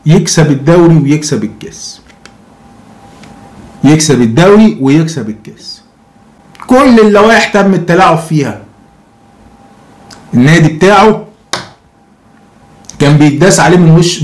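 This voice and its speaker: Egyptian guy doing opinionated football talk to camera, bit high pitched, sarcastic and mocking. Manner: sarcastic, mocking, rhetorical questions. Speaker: football fan commentator and host. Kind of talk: opinionated sports commentary to camera.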